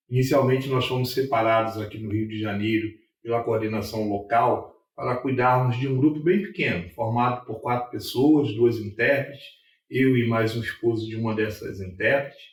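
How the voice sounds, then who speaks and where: A Brazilian man, a pastor, giving a measured, formal testimony. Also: medium pitch, distant mic. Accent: Brazilian Portuguese. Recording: roomy sound from off the mic.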